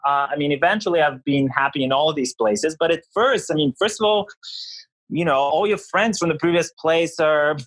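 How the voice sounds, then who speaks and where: A man's voice: fairly high pitch, normal speed, a bit bright, dry recording, rough recording. A middle-aged man from Bulgaria, a psychology researcher guest on a podcast, explaining ideas in a thoughtful, conversational way with many fillers.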